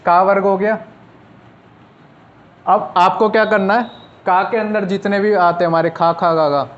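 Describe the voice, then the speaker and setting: A man's voice: high voice, fairly even intonation, measured pace. A man teaching a shorthand lesson, patiently repeating each rule step by step. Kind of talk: classroom lesson explaining at a board. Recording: slightly dull lo-fi recording with faint noise.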